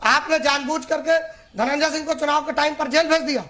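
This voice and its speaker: High-voiced man arguing over a phone line. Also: fairly even intonation, a little fast, bright, forceful tone. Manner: insistent, talks over the host, many restarts. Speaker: party spokesperson on a debate panel. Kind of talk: heated political debate.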